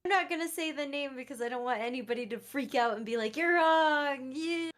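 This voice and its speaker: A woman's voice: fairly high pitch, fast. A woman co-hosting a casual podcast, a streamer herself, chatty and hedging her points with asides and fillers.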